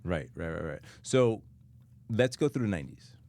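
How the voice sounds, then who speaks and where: A man in his forties hosting a casual interview in an easygoing way, with lots of fillers and quick agreements. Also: sits low, expressive, a little mellow, dry recording. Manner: easygoing, with frequent "right, right" and fillers. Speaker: podcast host.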